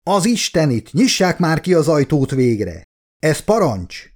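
Man doing a gruff spaceship captain, loud, barking orders, audiobook. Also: a little high, sing-song, voice pushed up. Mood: shouting. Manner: shouting orders. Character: commanding male ship captain, barking orders.

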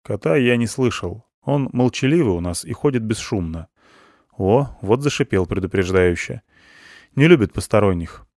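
A man calmly narrating a first-person story in a matter-of-fact way. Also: on the low side, normal speed, no room sound, clean studio sound. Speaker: audiobook narrator.

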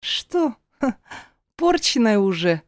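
A woman's voice: sing-song, moderate pace, no room sound, clean studio sound, close to an everyday voice. A woman voicing a spiteful young stepsister who mocks and jeers in a raised, sneering voice. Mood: mocking. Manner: sneering, jeering, shrill screaming.

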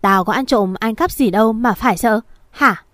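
A woman voicing a sharp-tongued middle-aged mother who scolds harshly and loudly. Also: fairly high pitch, moderate pace, no echo, studio quality, natural voice. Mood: scolding.

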